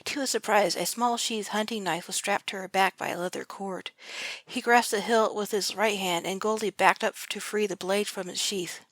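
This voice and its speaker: A woman's voice: medium pitch, fairly even intonation, normal speed, fairly bright tone, dry recording. A woman reading her own adventure story aloud, with frequent slips and restarts. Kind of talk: amateur audiobook narration.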